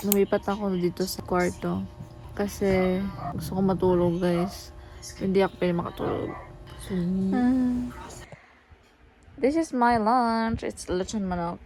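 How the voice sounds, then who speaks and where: A woman's voice: medium pitch, steady tone, unhurried, long pauses, over music. A woman with a Filipino accent chatting casually to her vlog viewers, switching between two languages. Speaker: vlogger. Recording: clear background noise.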